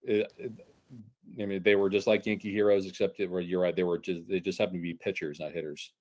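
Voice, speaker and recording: A man in his thirties, a stadium announcer appearing as a podcast guest, chats casually about sports. He speaks fast in a low, darkish voice with little pitch movement, and the audio is dull and lo-fi.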